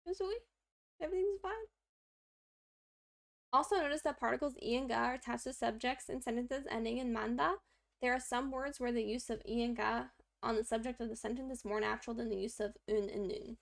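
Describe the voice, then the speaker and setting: A young woman streams her Korean study, explaining grammar in a chatty, self-deprecating manner with lots of fillers. Her voice is fast and gravelly, and she switches to a high baby voice when talking to a pet.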